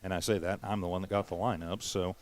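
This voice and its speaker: A man calling a local high school baseball game play by play, chatty and quick to laugh at himself. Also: steady tone. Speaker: play-by-play announcer.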